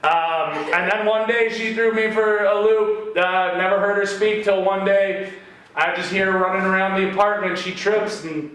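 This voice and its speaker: A man's voice: sits high, fairly even intonation, normal speed, fairly bright tone. A man performing a stand-up comedy set with crude, profane storytelling in an acting studio. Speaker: stand-up comic. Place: acting studio, in front of a small audience. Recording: echoey room from a distant camera, noisy.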